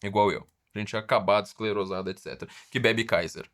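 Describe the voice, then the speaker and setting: A man's voice: lowish voice, steady tone, a bit bright. Sarcastic Brazilian man hosting a podcast. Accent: Brazilian Portuguese. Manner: sarcastic, mocking, drawn-out emphasis. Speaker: podcast host. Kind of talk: casual podcast commentary.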